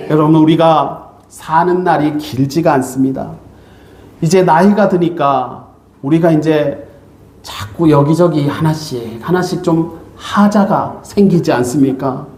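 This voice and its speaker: A middle-aged male pastor preaches an earnest sermon in a church sanctuary, repeatedly calling out to his congregation. His voice is fairly high and warm, and the recording has the echo of the sanctuary.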